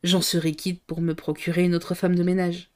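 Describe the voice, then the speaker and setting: A woman's voice: lowish voice, level tone, normal speed, darkish tone, lightly acted. A woman reading aloud voices a courteous, good-humoured young male reporter. His speech is polite and eager.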